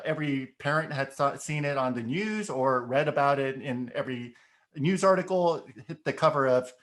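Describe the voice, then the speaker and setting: His voice a little high and a bit bright, a middle-aged Korean-native speaker guests on an education podcast, working through ideas thoughtfully with examples. The discussion is casual, and he keeps asking "right?" as he talks.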